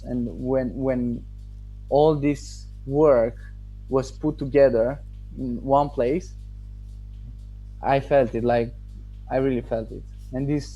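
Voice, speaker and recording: This testimonial comes from a male student from Romania, a native Romanian speaker answering interview questions casually. His voice is mellow, mid-range and slightly rough, and he pauses, restarts and halts as he thinks. The audio sounds dull.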